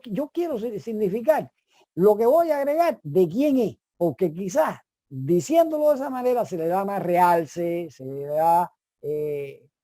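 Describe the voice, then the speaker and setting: A woman giving an online course lecture, explaining step by step with frequent restarts and pauses. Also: on the low side, mellow, slightly rough, no echo, clean studio sound.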